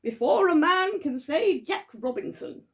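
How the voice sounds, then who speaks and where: A woman's voice: sits high, expressive, measured pace, gravelly, voice pushed up, exaggerated voice. Woman putting on a jolly old Fezziwig. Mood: jovial. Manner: loud, jovial, calling out. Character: jolly fat old male merchant, boisterous.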